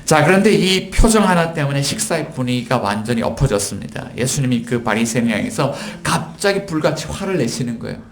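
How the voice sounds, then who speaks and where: A man preaching a sermon as pastor, telling stories and acting out quoted lines with sudden jumps in pitch. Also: very animated, brisk, hardly any pauses. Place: church sanctuary. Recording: echoey church hall.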